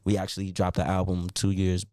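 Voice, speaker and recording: A man in his late thirties, an R&B singer, telling his story in a relaxed interview with lots of fillers and restarts. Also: deep voice, a little fast, no echo, clean studio sound. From Milwaukee, raised in Baltimore. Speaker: R&B singer, guest. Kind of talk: casual interview chat. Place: radio studio.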